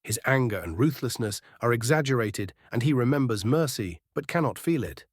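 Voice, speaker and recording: A man's voice: medium pitch, animated, moderate pace, dry recording, studio quality. A man reading scripted fantasy narration as a storyteller.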